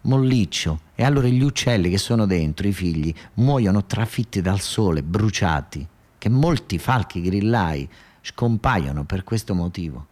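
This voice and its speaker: A deep-voiced male storyteller from southern Italy performs a colloquial theatrical monologue for radio. His tone is animated and somewhat dark, and he speaks conversationally, repeating phrases for emphasis and restarting haltingly.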